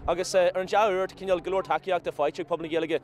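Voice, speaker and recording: A man's voice: sits high, steady tone, rapid-fire. An Irish man giving his account in a news interview at an event. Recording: faint background noise.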